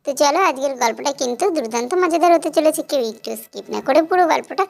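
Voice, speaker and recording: Brief: fast-talking, high-voiced woman host, upbeat channel intro. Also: gravelly. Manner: rapid, upbeat, greeting the viewers.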